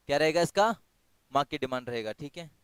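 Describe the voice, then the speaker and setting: Hoarse teacher with a clear, dry voice. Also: male voice, on the high side, a bit bright, no echo, low-quality recording. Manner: reads questions slowly, explains quickly in mixed Hindi and English. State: sore throat, clearing it often. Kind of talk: online multiple-choice class. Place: home.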